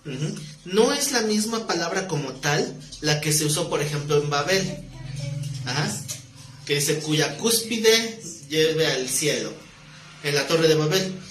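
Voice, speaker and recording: A man's voice: on the high side, normal speed, fairly bright tone, faint music behind. A man preaching a teaching sermon in a conversational way, asking his listeners questions. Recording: echoey room, faint noise.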